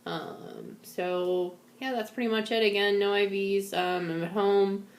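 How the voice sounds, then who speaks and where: This is a woman's at-home video diary about her recovery from surgery, delivered casually to camera while she sounds weak, shaky and a little foggy. She speaks at medium pitch with lively intonation, slightly slowly, in an echoey room.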